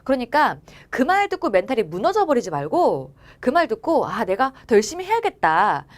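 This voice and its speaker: A young woman lectures exam students in a coaxing, encouraging way. Her voice sits a little high and moves through a very lively range of pitch. She keeps checking that they follow her. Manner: coaxing, often asks "알겠죠?" and acts out students' and teachers' lines. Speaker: academy teacher.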